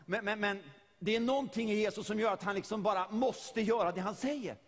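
A man's voice: high-pitched, in a large hall. A middle-aged man from Sweden preaching a sermon, retelling a story vividly and often repeating his words.

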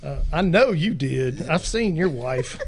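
A middle-aged man with a voice pitched a touch above most men's, talking loosely in a casual chat. He rambles, jokes and laughs often, and sounds like a veteran police training officer. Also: expressive, takes it slowly, a crowd in the background.

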